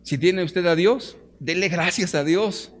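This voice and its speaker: A man with a Mexican Spanish accent preaching a fervent sermon, firing rhetorical questions and swinging from loud appeals to hushed, quiet lines. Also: sits high, a little slow. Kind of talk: impassioned sermon. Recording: long hall reverb.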